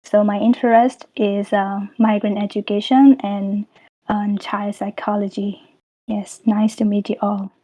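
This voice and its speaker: A young woman from Myanmar gives a friendly self-introduction in an ordinary mid-pitched voice. She pauses now and then with small fillers. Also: little pitch movement, warm tone, rough recording. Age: young adult.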